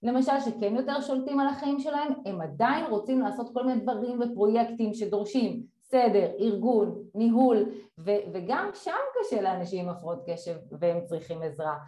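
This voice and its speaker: A woman speaks as the guest expert in a conversation. She explains things in a measured way and often pauses on fillers. The sound is roomy and echoey. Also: on the high side, mellow. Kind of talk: casual conversation. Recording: roomy echo.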